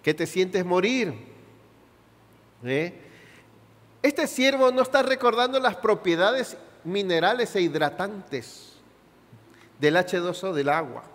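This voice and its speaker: In a reverberant church hall, a pastor with a Chilean Spanish accent preaches a sermon, questioning his congregation and climbing to sudden shouted peaks on slow, stressed words. His voice is high-pitched with lively intonation.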